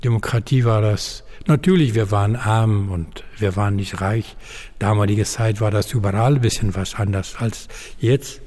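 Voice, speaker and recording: A man in his seventies from Afghanistan with an Afghan accent, a former diplomat speaking earnestly in halting German with many fillers. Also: lowish voice, a little mellow. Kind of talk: interview testimony. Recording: long hall reverb.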